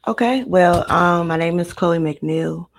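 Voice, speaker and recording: A woman in her twenties from Maryland, a guest recounting a personal story in a casual interview, steady and matter-of-fact. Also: lowish voice, measured pace. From Maryland, United States. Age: 20s.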